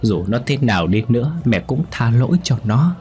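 A man's voice: low voice, normal speed, darkish tone, faint music behind, close to an everyday voice. A man voicing the ghost of an old mother in a spoken ghost story, tender and pleading. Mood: sorrowful.

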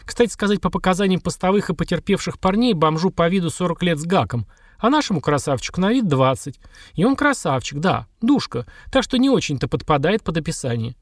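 Man voicing a wry young woman agent, raised pitch, sardonic, audiobook. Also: sing-song, brisk, dry recording, heavily acted. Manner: dry, sardonic, matter-of-fact.

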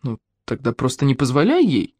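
Woman narrator doing a tired firm guy, patient, low-key. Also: huge pitch swings, brisk, warm tone, no room sound, studio quality, exaggerated voice. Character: weary, firm young man.

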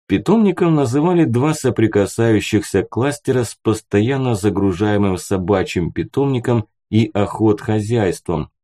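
A man's voice: lowish voice, warm tone. A man reading an audiobook aloud, narrating and voicing the characters' dialogue by raising his voice. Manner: lifts his voice for other characters' lines.

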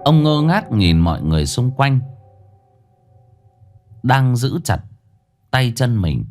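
A man narrating a ghost story in a dramatic, lively way. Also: medium pitch, slow. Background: faint music.

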